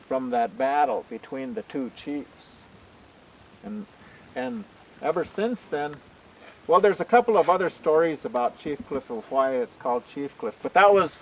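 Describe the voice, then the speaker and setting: A man telling a traditional folk story in a relaxed, conversational way, often adding "you know" asides. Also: a little high, rough recording.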